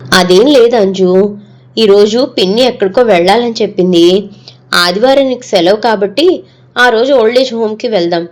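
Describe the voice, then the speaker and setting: A woman voicing a middle-aged father who is hurried and evasive, talking briskly. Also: mid-range voice, close to an everyday voice.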